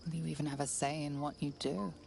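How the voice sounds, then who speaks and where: A woman voicing the narrator of a fantasy game, speaking to the player in a measured, ominous second person. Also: low voice, level tone, gravelly, noisy background. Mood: foreboding. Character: grave omniscient female narrator of a fantasy game. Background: game music.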